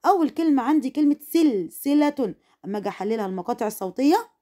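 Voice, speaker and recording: A woman with an Egyptian Arabic accent leads a first-grade phonics lesson, stretching syllables out slowly and cheering the pupils on. Her voice sits a little high but sounds soft and mellow. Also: animated. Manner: slow, drawn-out syllable sounding with praise for pupils. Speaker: primary school teacher.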